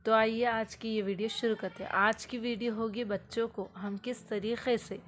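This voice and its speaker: A woman teaching how to teach children the alphabet, slowly drawing out each letter as if to a small child. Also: a little high, fairly even intonation, fairly bright tone, slight background noise. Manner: slow drawn-out letter recitation as if to a child. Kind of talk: home teaching tutorial.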